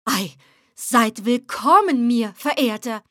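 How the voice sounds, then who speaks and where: A woman voicing an embittered, excitable poet who declaims loudly and with agitation in a recited poem. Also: a little high, unhurried, no room sound, studio quality. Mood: eager welcome.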